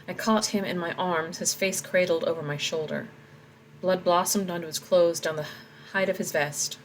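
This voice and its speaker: Low-voiced woman reading her own story. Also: a little hiss or hum, poor audio. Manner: reflective, talks through her edits. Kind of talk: reading aloud and commenting on edits.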